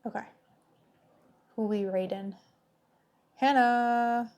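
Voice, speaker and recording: A woman's voice: mid-range voice, fairly even intonation, takes it slowly, darkish tone. A woman hosting a livestream, chatting casually with her viewers. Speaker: live streamer hosting.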